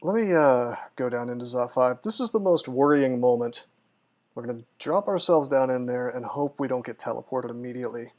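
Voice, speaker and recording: A man giving live gameplay commentary in a casual, thinking-out-loud way. He muses over choices, hesitates with ums, and restarts sentences often. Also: mid-range voice, expressive, brisk. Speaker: game streamer.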